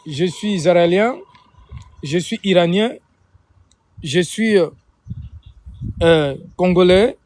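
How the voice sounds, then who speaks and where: This man's high-pitched, a little mellow voice moves slowly, with long pauses. He comes from Angola, speaks Portuguese natively with an Angolan Portuguese accent, and preaches and prays informally on a live stream, often repeating and rephrasing phrases.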